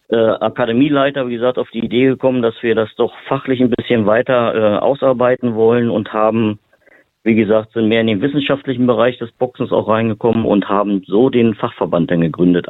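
A man's voice: mid-range voice, no room sound. A man from Berlin, a boxing therapist and lecturer, talking as an interview guest in loose, run-on sentences full of fillers. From Berlin, Germany. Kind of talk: interview guest, casual explaining. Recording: tinny phone-line audio.

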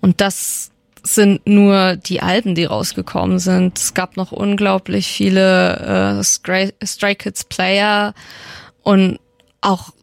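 A young woman hosting a radio show, talking in an unhurried, gravelly way. Her chat is eager and full of fan enthusiasm and little fillers. The sound is dry and close, with no room around it. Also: mid-range voice, flat delivery, no room sound. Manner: chatty, enthusiastic fan talk with many fillers. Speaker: radio host. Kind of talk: casual radio chat about K-pop.

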